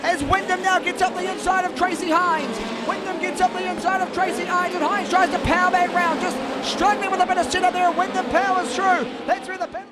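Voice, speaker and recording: A man calling a race at a very high, strained pitch over loud crowd and engine noise, in full hype-announcer mode. He shouts excitedly and stretches out his calls to build the drama. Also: brisk, few pauses.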